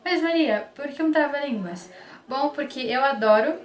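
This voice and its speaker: A woman's voice: high-pitched, normal speed. A Brazilian woman with a Brazilian Portuguese accent teaching a Spanish pronunciation lesson, patiently repeating example words. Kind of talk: online language lesson. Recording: echoey room, distant mic.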